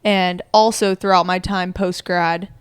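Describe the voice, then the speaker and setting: A woman's voice: lowish voice, fairly even intonation, unhurried, clean tone, dry recording, studio quality. A young woman in her twenties co-hosting a podcast, talking in an earnest, heartfelt way and thinking aloud with many fillers. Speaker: podcast co-host. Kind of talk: casual reflective chat.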